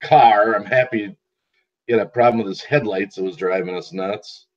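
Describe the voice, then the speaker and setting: A man hosting a live stream, chatting casually and quick to laugh and exclaim. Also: lowish voice, highs cut off. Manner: easily amused, exclaims often. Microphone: video call.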